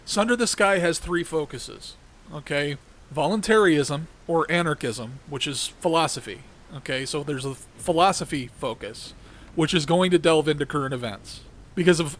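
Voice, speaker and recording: A congested middle-aged man hosting his own show, his voice cracking now and then. He talks in a loose, rambling monologue. His voice sits a little higher than most men's. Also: a bit bright. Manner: heated and ranting, then rambling and conversational. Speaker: podcast host. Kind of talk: casual political monologue.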